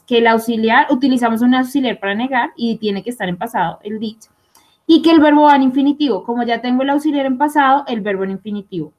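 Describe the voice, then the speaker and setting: A young adult woman gives a recorded online English lesson. Her voice sits a little high, and she talks her students through each rule with frequent rhetorical check-ins. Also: a little mellow. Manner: explanatory, asks rhetorical checks like "¿listo?" and "¿sí?". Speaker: English teacher.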